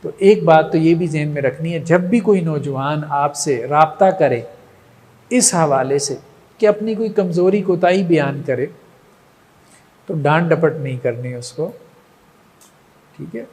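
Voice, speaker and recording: Male religious teacher, high voice, long reverb, lecturing and checking in with the audience. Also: measured pace, pauses often, a little mellow. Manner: rhetorical, checks in with listeners often. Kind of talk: lecture on moral training.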